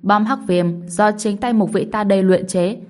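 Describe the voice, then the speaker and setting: A woman's voice: mid-range voice, fairly even intonation, moderate pace, darkish tone, close to an everyday voice. A woman voicing a cocky young male swordsman who taunts his enemy. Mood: taunting. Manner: taunting, mocking.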